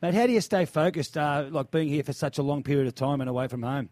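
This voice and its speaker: A man's voice: fairly high pitch, quick pace, darkish tone, no echo. A man co-hosting a casual sports interview, putting questions to his guest. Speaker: interview host.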